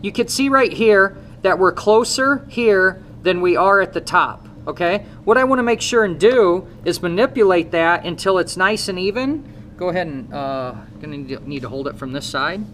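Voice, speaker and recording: A thirties man with a Midwestern American accent runs a hands-on motorcycle repair demo in the shop, coaching and quizzing students as he works. His voice is high and animated, a bit bright, at normal speed. There's slight background noise.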